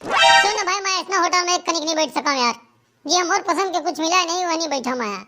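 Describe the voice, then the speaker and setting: A voice actor playing a fussy, hungry village man in a cartoon comedy, complaining loudly in a Chhattisgarhi accent. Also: very high voice, animated, fairly quick, background noise. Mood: fed up. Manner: loud complaining, stubborn.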